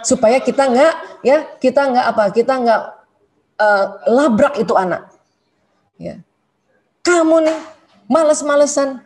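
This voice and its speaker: A middle-aged woman speaks in a fairly high voice, giving a parenting talk at a religious study session. She is chatty and conversational and keeps adding "ya" tags. She often acts out the voices of the people she quotes. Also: unhurried, pauses often, a little mellow.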